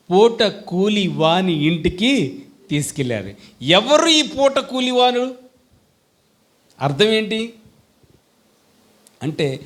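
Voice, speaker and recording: A man with a Telugu accent preaching a sermon, who keeps quizzing his congregation with questions and swings between loud calls and quiet asides. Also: on the high side. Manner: call-and-response questions to the congregation.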